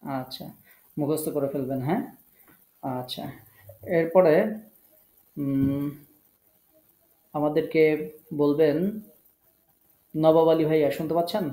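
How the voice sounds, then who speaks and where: A man's voice: on the high side, fairly even intonation, slow, long pauses, dark tone, roomy sound, rough recording. A man teaching a live online Quran recitation class, calling on students one by one, patiently correcting and drilling their pronunciation. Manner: patient, coaxing, repeats drills and gives tech help.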